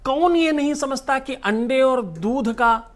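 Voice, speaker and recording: A man's voice: very high voice, slow pace. A middle-aged man, a religious guru, answering an interviewer in an emphatic, preaching way, firing rhetorical questions and scorning his critics.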